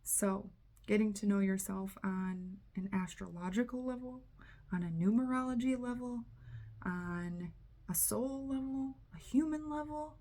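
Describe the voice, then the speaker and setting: A woman's voice: mid-range voice, unhurried. Candid woman giving a spiritual talk. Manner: candid and earnest, swears casually; animated, acts out inner voices. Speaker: tarot reader and spiritual coach. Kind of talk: casual spiritual channeling talk.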